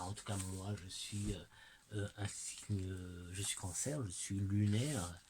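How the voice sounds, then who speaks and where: A man chatting casually to the viewer while presenting oracle cards, halting and hesitant, sometimes dropping to a soft whisper. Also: lowish voice, slight background noise, rough recording. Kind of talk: casual oracle card unboxing chat.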